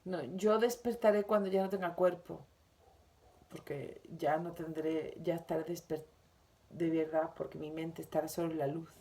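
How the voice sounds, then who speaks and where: Una mujer con acento de España que lee y comenta una lección espiritual diaria, con tono suave, sentido y reflexivo. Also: female voice, low voice, fairly even intonation, moderate pace, warm tone. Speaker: spiritual teacher. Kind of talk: reading and commenting on a daily spiritual lesson.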